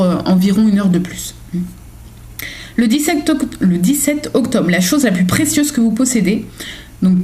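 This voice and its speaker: A woman's voice: medium pitch, warm tone. A young woman chatting casually on her home vlog, reading daily journal questions and answering them with lots of fillers and self-mocking asides. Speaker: vlogger.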